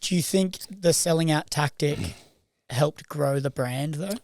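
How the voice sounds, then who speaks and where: A man hosting a podcast, asking relaxed questions and backing up his guest with short agreements. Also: fairly high pitch, a little slow, dry recording, studio quality. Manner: relaxed, backchannels often with "mm" and "yeah". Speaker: podcast host. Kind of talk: casual interview questions.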